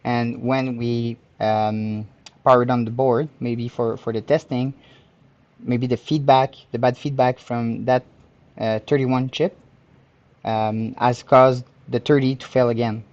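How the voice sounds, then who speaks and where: A native French speaker from Quebec, Canada, hosts and runs a live hands-on repair tutorial, chatting as he works and often groping for words. His mid-range voice is level, slow, and a little mellow, recorded with dull audio and no room sound.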